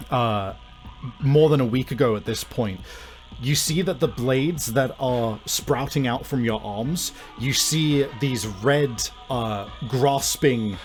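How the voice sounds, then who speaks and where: A man acting as game master runs a horror tabletop game, improvising vivid narration in a medium-pitched voice with hesitant pauses. Faint guitar music plays in the background.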